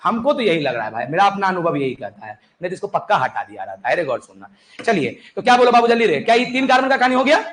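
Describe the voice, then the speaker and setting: A man's voice: high-pitched, fast talker, slight background noise, poor audio. A young man teaching a chemistry class, coaxing and urging his students to listen and write along. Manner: animated, coaxing students, repeated calls to listen. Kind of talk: classroom lecture.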